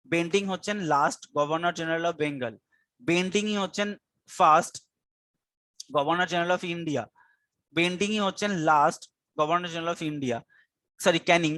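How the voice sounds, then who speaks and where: High-voiced male teacher drilling a chant. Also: fairly bright tone, dry recording. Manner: drills a memory chant over and over; mixes English terms into his speech. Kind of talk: online exam-prep lecture.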